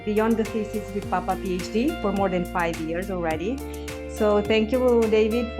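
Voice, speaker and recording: A woman hosting a podcast interview, speaking hesitantly with many fillers. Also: mid-range voice. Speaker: podcast host. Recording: speech over background music.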